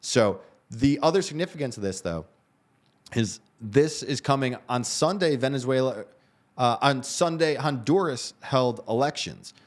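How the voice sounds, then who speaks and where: A man's voice: mid-range voice, expressive, a little slow. A man co-hosting a news show, discussing the headlines in a conversational, hedging way and often restarting his phrases.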